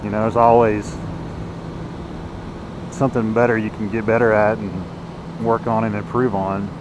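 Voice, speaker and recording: A man's voice: on the low side, flat delivery, a little slow, muffled recording. Man motovlogging from inside his helmet. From United States. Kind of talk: casual rambling vlog while riding. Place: outdoors, riding a motorcycle on the road. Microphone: inside a motorcycle helmet. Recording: noisy helmet mic with vehicle noise. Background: engine and road noise.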